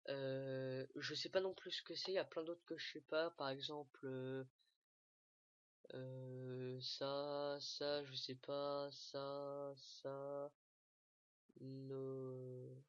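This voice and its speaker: In this casual screen-recorded tutorial, a gaming creator explains a game tool slowly and flatly at medium pitch, frequently hesitating and restarting amid many fillers. The lo-fi mic sounds dull and dry, without any room sound.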